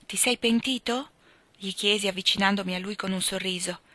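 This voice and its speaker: A woman reads a classic novel aloud in a bright, forward voice. The recording is dry and close, with no room around her. She lifts the dialogue louder and slower than the narration. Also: medium pitch, fairly even intonation, no room sound. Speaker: audiobook reader. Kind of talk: literary novel reading.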